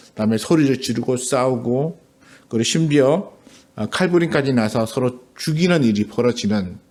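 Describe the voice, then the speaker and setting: A middle-aged man preaching a sermon as a pastor, in an easy conversational way with many pauses and filler sounds. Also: medium pitch, mellow.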